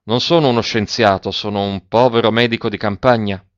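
A man's voice: fairly low pitch, fairly even intonation, fairly quick, clear, resonant tone, no room sound, close to an everyday voice. A man voicing a weary old country doctor who gives terse, resigned replies. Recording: dull, dry lo-fi recording.

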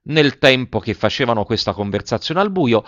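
A man reads a classic storybook aloud in a measured, expressive voice. The recording is dry, with no room echo, and slightly muffled. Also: mid-range voice. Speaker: narrator. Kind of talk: storybook audiobook reading. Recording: dull, dry audiobook recording.

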